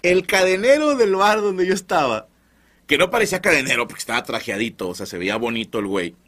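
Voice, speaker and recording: A Mexican man hosts a comedy podcast, his voice sitting fairly high and swinging widely in pitch. He tells stories in a loud, crude, joking way, full of slang. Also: big pitch swings, fast talker. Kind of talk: loud comic storytelling.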